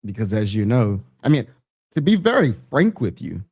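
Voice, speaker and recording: A man's voice: on the low side, very animated, normal speed, darkish tone, slightly rough. A man with a heavy Bermudian accent, hosting a talk show and putting questions directly to his audience in a conversational way. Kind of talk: conversational audience discussion, reading out comments.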